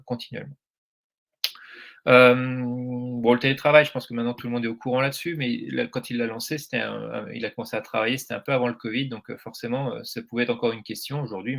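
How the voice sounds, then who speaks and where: A man's voice: medium pitch, vocal fry, fairly bright tone. A French man giving a presentation at a meetup, speaking hesitantly with many fillers and restarts. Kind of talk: presentation talk.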